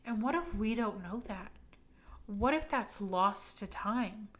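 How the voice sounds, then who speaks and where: A woman's voice: medium pitch, animated, slow pace, fairly bright tone. A woman in her twenties, drunk and rambling emphatically through a casual, opinionated rant. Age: 20s.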